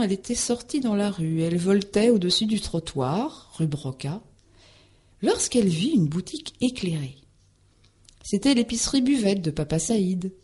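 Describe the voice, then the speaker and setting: A woman reading a children's fairy tale aloud, deliberate and expressive. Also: medium pitch, husky. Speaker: storyteller.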